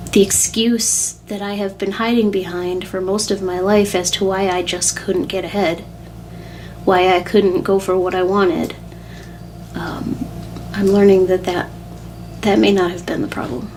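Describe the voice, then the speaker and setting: A woman speaking haltingly and candidly in a confessional personal vlog, sounding upset and tearful. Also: mid-range voice, darkish tone, a little hiss or hum, low-quality recording. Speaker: weight-loss vlogger.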